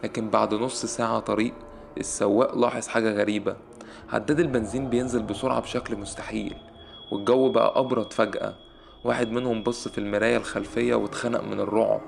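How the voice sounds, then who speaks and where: A man with an Egyptian Arabic accent narrating a scripted horror story in a suspenseful way, with dramatic pauses. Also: on the low side, little pitch movement, gravelly.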